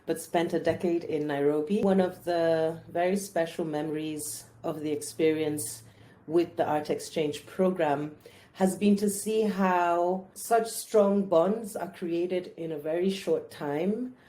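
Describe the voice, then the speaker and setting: Mellow-voiced woman, reflective. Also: on the low side, unhurried. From Gambia and Spain. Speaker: writer and director, program creative director. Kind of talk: interview testimony.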